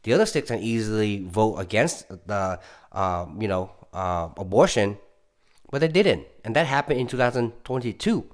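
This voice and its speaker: A man's voice: fairly low pitch, expressive, moderate pace. A man from California talking casually and rambling through his opinions, stammering often and growing insistent. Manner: rambling, with frequent restarts and stammers; gets heated and insistent. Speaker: political commentary YouTuber.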